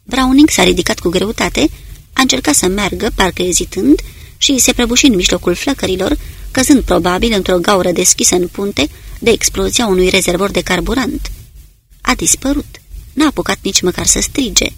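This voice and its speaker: A narrator reading a war novel aloud in a steady storytelling delivery. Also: mid-range voice, gravelly, breathy edge. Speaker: audiobook narrator. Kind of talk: dramatic audiobook narration.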